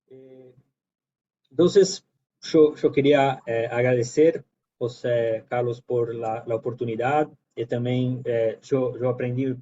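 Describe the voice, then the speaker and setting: Muffled Brazilian man speaking halting Portuguese-tinged Spanish. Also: mid-range voice, mellow. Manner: Spanish mixed with Portuguese words and phrasing; halting, searching for words. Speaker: guest lecturer. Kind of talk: informal academic remarks. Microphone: video call. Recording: dull lo-fi online call.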